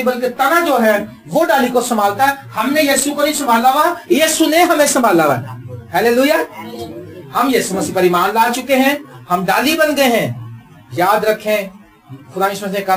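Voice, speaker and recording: A male pastor preaching a sermon. He swings between loud, emphatic lines and low, quiet asides.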